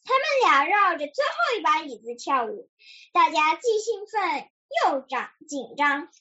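A woman reading a children's story aloud in a slow, expressive way. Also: high voice, highs cut off.

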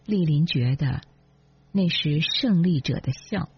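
一位女声小说朗读者，不紧不慢地讲述，声音微哑，录音干而发闷。. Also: female voice, deep voice, animated, slow, breathy edge, no room sound. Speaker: audiobook narrator. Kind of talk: scripted narration. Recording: dull lo-fi, dry.

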